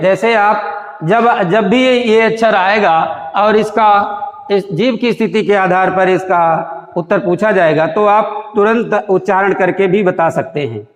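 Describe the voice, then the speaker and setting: Echoey Hindi grammar teacher, man, high voice. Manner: demonstrates vowel sounds aloud, repetitive and explanatory. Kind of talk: classroom lesson explaining vowel sounds. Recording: echoey room with long reverb.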